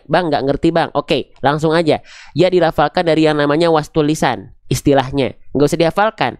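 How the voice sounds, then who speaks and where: A Quran reading teacher gives a lively tajwid lesson on letters, his somewhat high, slightly mellow voice captured dry and clean in a studio. He coaxes playfully, posing questions and answering them himself.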